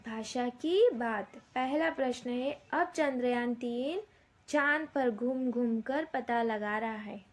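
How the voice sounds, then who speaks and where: A woman teacher, her voice a little high. She talks very slowly, spelling out answers one word at a time and repeating each question for young pupils. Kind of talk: slow dictated Hindi lesson for young children.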